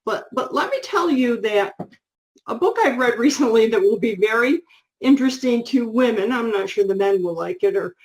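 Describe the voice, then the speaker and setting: A woman's voice: fairly high pitch, animated, moderate pace, low-quality recording. Chatty middle-aged woman co-hosting. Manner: chatty, frequent restarts and asides. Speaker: co-host. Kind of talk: casual chat about books.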